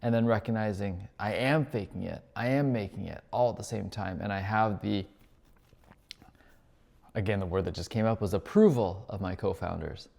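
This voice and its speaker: A man with a low, gravelly voice talks through his thoughts in a loose, introspective ramble. He catches and corrects his own words as he goes, like a spiritual coach reflecting out loud. His voice trails off into a long hall reverb. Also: moderate pace. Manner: introspective, thinking aloud, self-correcting. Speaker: spiritual coach and retreat host.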